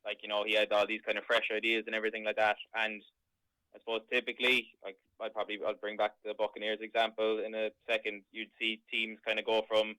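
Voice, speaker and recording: A man's voice: lowish voice, completely flat delivery, fast, pushed and bright, clean tone, no room sound, low-quality recording. A man with a Cork accent chatting casually about sport as a podcast co-host, explaining in a rambling, conversational way. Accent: Cork, Irish.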